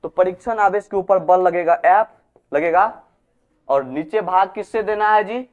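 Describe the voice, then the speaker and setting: Male teacher, high smooth voice, quizzing students through a lecture on a lo-fi recording. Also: a little slow. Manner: repeats key terms as questions, scolds students. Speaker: physics teacher. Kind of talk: classroom lecture. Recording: dull lo-fi recording.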